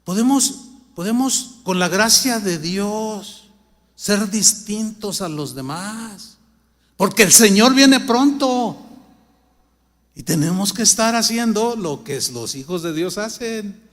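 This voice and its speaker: A middle-aged man with a Mexican accent preaches in a conversational, humorous way, voicing his own thoughts as he tells a story. His voice sits high, and it carries a long reverb of a large church hall. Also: lively intonation. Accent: Mexican Spanish. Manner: reads scripture louder and slower. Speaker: pastor. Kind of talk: sermon.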